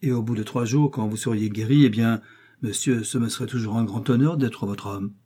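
A man's voice: medium pitch, brisk, dark tone, breathy edge, lightly acted. A man reading the lines of a young, polite and brave Gascon swordsman, earnest and courteous.

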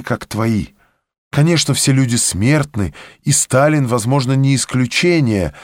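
A man's voice: mid-range voice, no room sound, studio quality, voice pushed up, close to an everyday voice. A man voicing a haughty, fervent young woman. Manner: fervent, declamatory.

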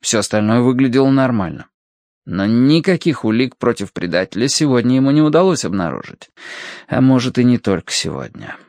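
A man reading a novel aloud as an audiobook narrator, in measured, steady storytelling with acted pauses. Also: mid-range voice, no echo. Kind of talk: scripted narration.

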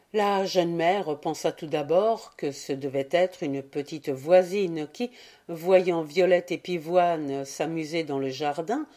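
A woman reads a fairy tale aloud in a gently expressive storybook manner. She takes her time over every phrase. Her tone is mellow and warm. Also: low-pitched. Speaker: audiobook reader. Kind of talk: scripted storybook narration.

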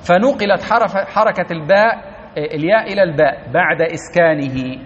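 Male teacher, higher voice, repeats and checks the class, dull lo-fi tape. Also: normal speed. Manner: explains step by step, repeats key words, keeps checking the class understands. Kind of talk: classroom grammar lesson. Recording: dull lo-fi recording.

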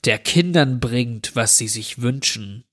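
A man voicing a dirty, menacing stranger who grants children's wishes, speaking with a slow, mocking drawl in a horror story reading. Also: mid-range voice, fairly bright tone.

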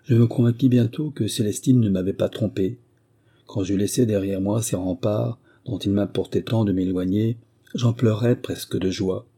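A man reading a first-person memoir aloud as an audiobook narrator, in steady, measured storytelling. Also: lowish voice, husky.

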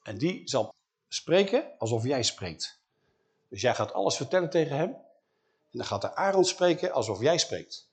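A man voicing God as a calm, commanding male figure who gives firm, reassuring instructions. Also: mid-range voice, unhurried.

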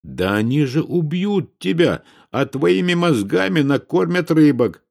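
A man reading an audiobook, voicing an anxious, sharp-tongued woman in a slightly raised voice. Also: on the high side, very animated, a little slow, creaky, pitched above the performer's own voice, full character voice. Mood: worried.

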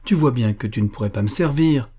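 A man's voice: medium pitch, a little fast, warm tone, slightly rough, natural voice. A man voicing a stern but kind young tutor, speaking with firm, patient reproach.

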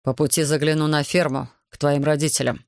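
A woman reading an audiobook, voicing a calm, wealthy male plantation master who talks smoothly and patronizingly. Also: low voice, a little fast, no room sound, studio quality. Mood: unruffled.

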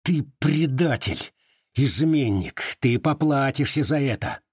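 A man voicing an enraged male army officer, shouting insults in an audiobook reading. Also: mid-range voice, lively intonation, measured pace, a little hiss or hum, pitched above the performer's own voice, close to an everyday voice. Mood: furious. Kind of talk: audiobook character voice.

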